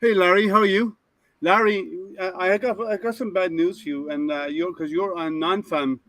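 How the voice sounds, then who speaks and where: A man's voice: high voice, steady tone, normal speed, a bit bright, rough recording. A male livestream host with a voice sitting a little above the usual male range. He chats casually and rambles, often stopping and restarting his sentences as he greets viewers. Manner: chatty, rambling with frequent restarts.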